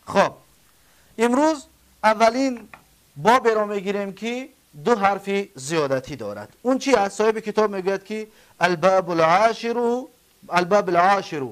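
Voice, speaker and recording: A man with a Tajik accent teaching an Arabic grammar lesson, asking and answering his own questions and repeating word forms slowly. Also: high voice. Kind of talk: classroom lesson.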